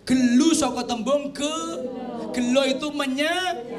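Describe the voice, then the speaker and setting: A man preaching with a Javanese accent, his voice sitting very high for a man. He jokes and teases his listeners in a chatty sermon, with the studio crowd clearly heard behind him. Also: takes it slowly. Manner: joking, chatty, teasing the audience. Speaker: kyai, preacher. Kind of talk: humorous sermon. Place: TV studio with audience. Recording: audience noise behind.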